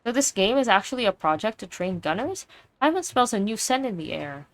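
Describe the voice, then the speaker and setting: A woman's voice: mid-range voice, sing-song, brisk, fairly bright tone. Woman doing a chirpy little fairy companion. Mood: curious. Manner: eager, curious and chatty. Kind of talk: reading game dialogue aloud.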